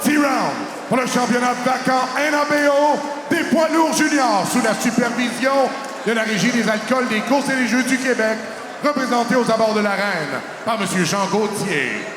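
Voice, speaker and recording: A man's voice: very high voice, normal speed. A man working as a boxing ring announcer, projecting formal arena introductions and stretching out names. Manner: switches between French and English. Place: large indoor boxing arena. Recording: echoey arena PA with loud crowd. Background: crowd noise.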